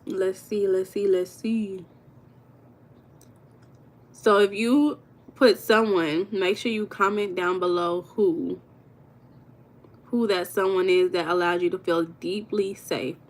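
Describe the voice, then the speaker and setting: A woman's voice: medium pitch, steady tone, slow, long pauses. Chatty American woman livestreaming. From United States. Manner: chatty, addresses viewers as y'all, reads comments aloud. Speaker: livestream host. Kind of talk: casual livestream chat with viewers.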